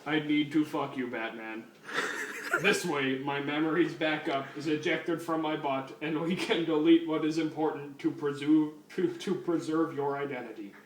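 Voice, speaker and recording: A man voicing a stiff, literal-minded male cyborg cop who talks flatly in broken grammar, recorded at a distance in a roomy space. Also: a little high, moderate pace, lightly acted. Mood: deadpan. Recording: roomy, distant mic, faint noise.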